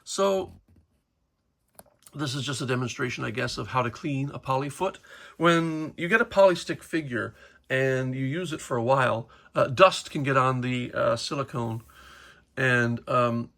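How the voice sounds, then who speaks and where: A man's voice: mid-range voice, vocal fry, a bit bright. A man casually talking through a toy unboxing in his home workshop, rambling with fillers. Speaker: toy collector vlogger.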